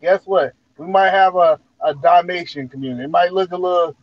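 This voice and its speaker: A man's voice: high voice, fairly quick. Man, muffled through a wall, dull lo-fi call mic, rambling casual talk. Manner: loose, joking and rambling. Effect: muffled, like talking through a wall. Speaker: panelist on a livestream. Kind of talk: casual panel debate. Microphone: poor microphone on a video call.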